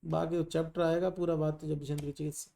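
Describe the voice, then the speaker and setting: A man's voice: a little high, little pitch movement, quick pace, creaky, warm tone. A middle-aged male teacher lecturing a class on ayurveda, teasing and scolding students while mixing in English terms.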